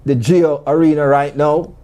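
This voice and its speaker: A man with a mellow, dark voice hosts an interview show. He talks in a relaxed, halting way, often restarting his sentences. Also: on the high side. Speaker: host. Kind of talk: casual interview talk.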